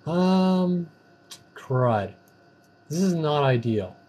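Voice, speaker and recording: A man's voice: a little high, expressive, drawn-out words, darkish tone. A man giving casual, playful commentary while playing an online game, breaking into sing-song chants and silly catchphrases. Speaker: gamer streamer.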